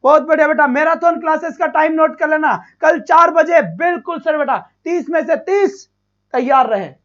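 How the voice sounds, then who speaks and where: A male teacher running a live online exam-prep class, energetic, heaping loud praise on students and firing off rhyming slogans. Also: extremely high pitch, moderate pace, dull audio.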